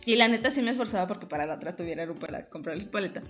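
A woman in her forties with a Mexican accent, a podcast host chatting casually and telling lively, laughing anecdotes with acted-out voices. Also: on the low side, very fast, soft background music. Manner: lively storyteller, laughs often, acts out voices. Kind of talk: casual chat.

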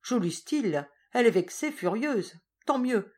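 A woman reading an audiobook voices an irascible, lonely aging father who speaks in loud, indignant outbursts. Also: fairly high pitch, expressive, measured pace, husky, pitched above the performer's own voice.

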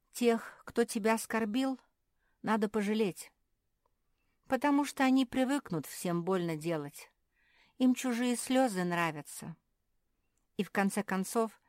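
A woman voicing a gentle, kind young female jerboa in a storybook reading, speaking softly and earnestly. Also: mid-range voice, no echo, studio quality, pitched above the performer's own voice, natural voice. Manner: soft, forgiving, earnest.

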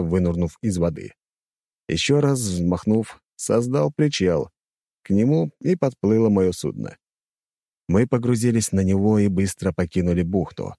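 A man reads a first-person fantasy audiobook in a low, mellow voice. His pitch moves in a lively way across his lines. The recording is dry and close, with no room sound. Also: measured pace, no echo. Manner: expressive storytelling. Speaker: audiobook narrator. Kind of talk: scripted first-person narration.

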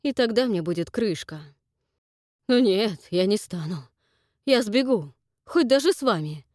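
A man's voice: high voice, expressive, measured pace, darkish tone, no room sound, studio quality, pitched above the performer's own voice. A woman reading an audiobook, voicing a frightened, paranoid middle-aged father who talks in frantic, pleading outbursts. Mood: grim agitated. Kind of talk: audiobook character voice.

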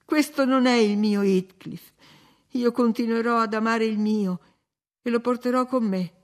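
A woman reading the part of a dying young woman, bitter and passionate, rising to loud, accusing outbursts. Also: high-pitched, fairly even intonation, unhurried, creaky, voice pushed up.

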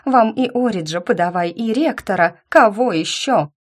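A woman reading an audiobook and voicing a tearful young female student, with a high, shrill delivery. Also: expressive, measured pace, a little mellow. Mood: frightened, accusing.

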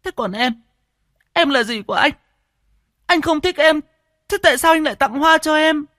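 A man's voice: very high-pitched, lively intonation, moderate pace, pushed and bright, no room sound, clean studio sound, voice pushed up, heavily acted. A man voicing a hot-tempered, jealous young woman who stammers and shrieks when upset. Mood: hurt, furious.

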